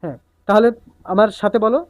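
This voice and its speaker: A woman's voice: medium pitch, fast, background noise. A woman teaching a beginner tabla, coaching and reciting the drum syllables in rhythm. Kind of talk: music lesson instruction.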